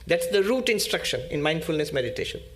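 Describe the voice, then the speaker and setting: A man giving a spiritual discourse as a monk, teaching slowly and emphatically with pauses and repetition. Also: a little high, very animated.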